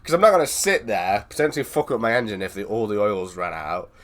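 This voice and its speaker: A man chats on a live stream, blunt and full of swearing as he rants. His voice sits a little low but comes across bright and forceful. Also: expressive, fast talker. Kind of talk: casual chat on a live stream.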